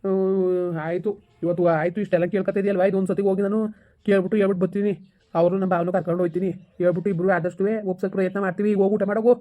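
A man's voice: sits high, flat delivery, rapid-fire, narrow, tinny audio, close to an everyday voice. A man playing a stern but caring village elder who lectures. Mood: soothing. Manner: scolding, lecturing, then soothing. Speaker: elder villager in a comedy skit.

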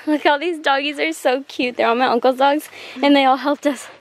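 A young woman with a high, steady voice vlogs casually outdoors on a handheld camera, talking fairly quickly as she walks a rural hillside and dirt road. She's chatty, laughs often, and sounds a bit out of breath.

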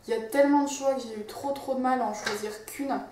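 A woman's voice: high-pitched, steady tone, fast, darkish tone. Chatty young woman in an echoey room. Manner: chatty, many fillers and restarts. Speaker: beauty vlogger. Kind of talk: casual chat to camera. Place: home office and living room. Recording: echoey room, mic a bit far, faint hiss.

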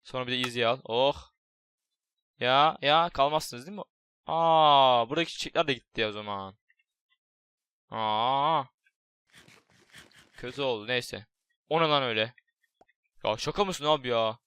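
A young man narrating his game play in a loose, excitable way, cracking jokes and swearing now and then. His voice sits at an ordinary middle pitch and comes through a close mic in a dry, dead room. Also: normal speed, pauses often, clean tone, no room sound. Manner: excitable, jokey, swears, talks to his pet. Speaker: gaming YouTuber. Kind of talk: casual Minecraft let's play commentary.

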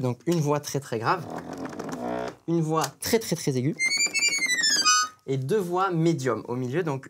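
A man, an accordion player, eagerly explaining his instrument in casual talk, with many fillers. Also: on the high side. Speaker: accordionist guest.

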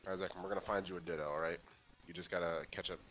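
Deep-voiced man commenting on his game. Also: very fast. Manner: excitable, jokey banter with a friend. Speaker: let's play host. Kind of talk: casual gameplay commentary.

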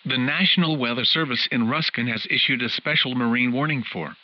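Over a hissy, muffled weather radio feed, a man's synthetic TTS voice delivers a scripted emergency weather bulletin. He plays a radio alert announcer, medium-pitched, brisk, formal and clipped.

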